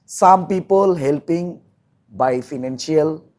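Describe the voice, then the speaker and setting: Speaking slowly in non-native English, a Bangladeshi interview guest who volunteers as a social worker sounds earnest and halting and tends to repeat himself. His pitch is a little high and his tone a little mellow.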